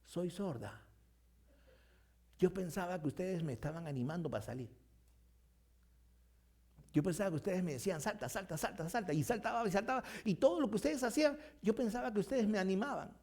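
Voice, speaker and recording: A man's voice: high-pitched, expressive, brisk, long pauses, darkish tone, pitched above the performer's own voice. A man playing an earnest deaf frog. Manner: earnest, explaining, repetitive. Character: deaf frog that escaped a pit, plain and earnest.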